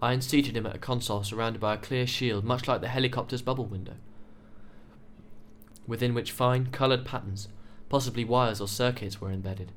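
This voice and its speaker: A male narrator reading a novel aloud in an even, steady storytelling voice. His pitch sits in the middle range. A faint ambient hum stays under the whole reading. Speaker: audiobook narrator.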